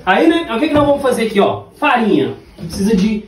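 In a small, echoey home kitchen full of dish clatter and noise, a Brazilian vlog host in his thirties demonstrates cooking to the camera. His voice is extremely high with big pitch swings, his pace fairly quick, and he jokes and chats in slang with a Brazilian Portuguese accent.

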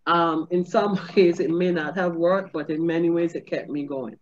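Calling in by webcam from a room at home with a ceiling fan, a middle-aged female comedian guest tells stories expressively, laughing often and gesturing freely. She speaks at a moderate pace in a lower voice, over dull lo-fi call audio with a little hiss or hum.

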